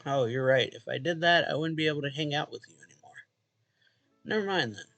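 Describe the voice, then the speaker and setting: As a let's play host, a man casually reads aloud a visual novel's dialogue and first-person narration over background game music. His voice is a little high, gravelly and fairly bright, and he talks quickly.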